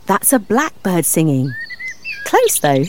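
A woman's voice: lowish voice, huge pitch swings, slow pace, slight background noise, full character voice. A woman reading the lines of a friendly adult female lifeguard who is amused and encouraging. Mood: amused, upbeat.

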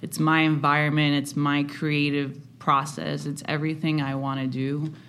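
A woman's voice: deep voice, level tone, normal speed, fairly bright tone, clear, resonant tone. A woman from Miami, a podcast guest chatting casually and laughing easily. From Miami, United States. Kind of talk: casual interview chat.

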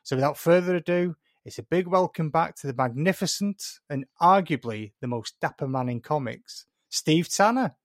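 A man's voice: on the high side, expressive, moderate pace, few pauses, no room sound, studio quality. A man hosting a podcast interview in an informal, matey way with some mild swearing. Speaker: podcast host.

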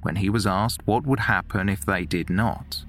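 A man reading a scripted true-crime narration in a measured, sober way. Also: low-pitched, fairly bright tone, slight background noise.

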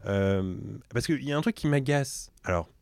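A man's voice: medium pitch, animated, normal speed, darkish tone, clear, resonant tone, no echo, clean studio sound. A man hosting a podcast, chatting casually and telling stories, laughing often. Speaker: podcast host. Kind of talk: casual chat.

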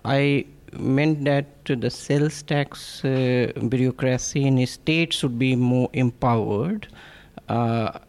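An Indian man speaks as a discussion panelist. His pitch sits in the middle for a man. He is hesitant and words his points formally. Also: slow pace, a little mellow.

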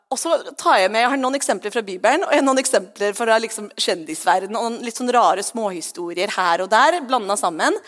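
A Norwegian woman pastor giving a lively, conversational sermon. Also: mid-range voice. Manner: lively, conversational, acts out quoted voices. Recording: long reverb of a church hall.

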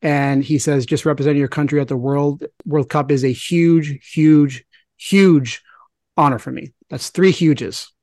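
A male podcast host with a slightly higher voice who asks relaxed, conversational questions. The recording is dry and close, with no room sound. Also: measured pace, no echo. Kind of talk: casual podcast interview.

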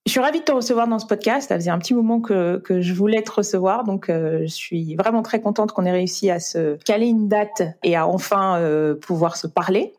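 A woman's voice: medium pitch, a little fast, hardly any pauses, darkish tone. A woman hosting a podcast, introducing her guest and asking open, friendly questions. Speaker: podcast host.

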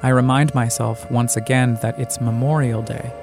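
A man's voice: mid-range voice, little pitch movement. Reflective male narrator over prominent music. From United States. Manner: reflective, deliberate phrasing. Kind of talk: scripted first-person audio essay narration.

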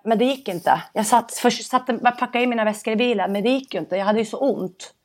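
A young adult woman, a padel player, telling a story in a casual interview and acting out the conversations she recounts. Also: fairly high pitch. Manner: animated storytelling, acts out quoted dialogue.

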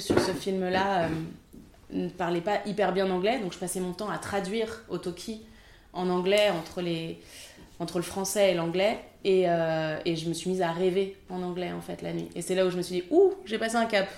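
A woman's voice: lowish voice, creaky, reverberant. A French woman in her thirties, a film assistant director, chatting candidly in an interview with many fillers. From France. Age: 30s. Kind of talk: casual interview.

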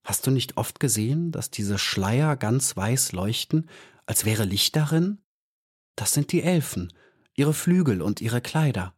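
A man reading an audiobook and voicing a wise male flower elf who speaks calmly and earnestly. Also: medium pitch, unhurried, slightly rough. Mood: serene. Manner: calm and earnest.

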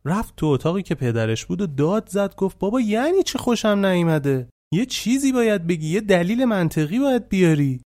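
A man's voice: a little high, lively intonation, gravelly, hardly any pauses, dark tone, pitched above the performer's own voice. A man voicing a defiant young woman who demands answers from her father. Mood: indignant. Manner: demanding, indignant.

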